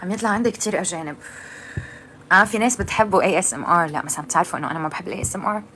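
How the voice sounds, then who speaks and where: A woman's voice: lowish voice, racing, sharp tone, slight background noise. Young woman, live streamer, loose chatty delivery, answers viewers between bites, on a phone mic. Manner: chatty, answers viewers while eating, mixes in English. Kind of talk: casual live-stream chat.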